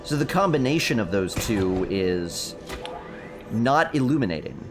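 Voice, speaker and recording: A man's voice: lowish voice, big pitch swings, measured pace, faint music behind. A young man chatting casually while streaming a survival game, rambling through stories and answering his chat. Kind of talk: casual gameplay commentary.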